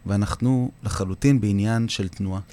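Israeli man, earnest interviewee, low voice, repeats lines for emphasis, reflective founder talk. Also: dark tone. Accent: Israeli Hebrew. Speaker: founder of a community singing project.

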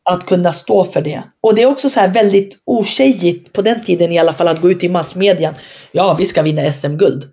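A former basketball player tells her story in an interview, speaking with frank emphasis and few pauses in a fairly low-pitched voice. She's animated, acting out past conversations as she recounts them.

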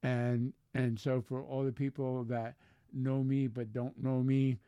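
A man's voice: mid-range voice, flat delivery, a little slow, mellow, smooth, no echo. A man in his seventies chatting as an interview guest, telling stories in the blunt, folksy, plain-spoken way of an old sailor. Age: 70s. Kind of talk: casual chat, storytelling.

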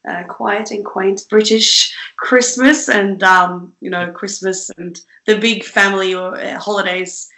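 A young woman from Sweden talks freely as a guest, full of fillers, restarts and soft laughs. Her voice sits at an ordinary middle pitch. The room gives it a noticeably echoey, roomy sound. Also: fairly even intonation, unhurried, few pauses. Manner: chatty, many fillers and restarts, laughs often. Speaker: independent musician, guest. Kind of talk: casual interview chat.

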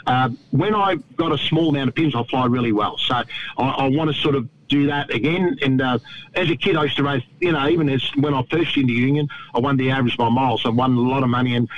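A man's voice: mid-range voice, quick pace. A middle-aged Australian man chatting casually in a plain-spoken, rambling, matey tradesman manner, often dropping in "you know". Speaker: guest, veteran pigeon racer. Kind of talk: casual phone-in chat. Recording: dull, lo-fi radio interview audio.

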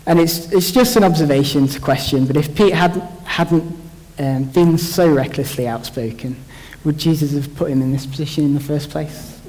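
Young guy chatting through a bible passage, kinda high voice, lots of restarts, big echoey hall. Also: normal speed, hardly any pauses, a little mellow. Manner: chatty, jokey, thinks aloud with restarts. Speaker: church speaker. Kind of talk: informal Bible talk. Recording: long hall reverb.

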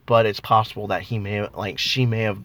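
A man's voice: lowish voice, fairly even intonation, fairly quick, a bit bright. A man casually telling ghost-hunting stories, rambling with many ums and likes, recorded in a parked car. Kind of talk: casual ghost story chat.

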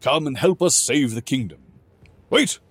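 High, loud, jolly dwarf king, storybook reading. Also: a little slow, slightly rough, no echo. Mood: eager host. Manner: booming, exuberant, excitable. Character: boisterous jovial male dwarf king.

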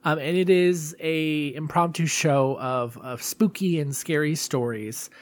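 A man's voice: a little high, a little slow, no room sound. A man hosting a solo podcast in a casual, confessional way, rambling and self-deprecating. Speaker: podcast host.

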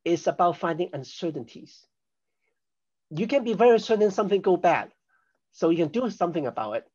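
A man's voice: high voice, animated, a little fast, darkish tone, dull audio. An older man from Hong Kong, a podcast guest, explaining risk assessment in a chatty, self-deprecating way. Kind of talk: conversational interview.

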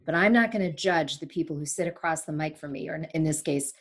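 A low-voiced woman talks at a quick pace as the guest in a casual remote interview. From Sri Lanka and in her forties, she has spent years as a broadcaster and hosts a podcast, and she comes across as an emphatic, candid, animated storyteller over the call.

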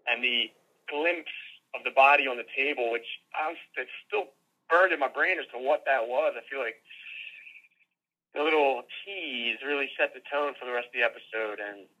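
A man's voice: medium pitch, normal speed, dull audio. A man co-hosting a casual podcast, enthusiastic and slangy, often tagging sentences with "man". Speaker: podcast co-host.

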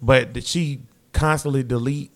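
A man's voice: medium pitch, steady tone, normal speed. A man hosting a casual chat, teasing and laughing as he talks in loose slang.

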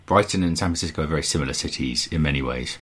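A man's voice: a bass voice, rapid-fire, a bit bright, husky. A man co-hosting a podcast, chatting casually and dropping dry, teasing asides. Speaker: podcast co-host. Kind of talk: casual conversational chat.

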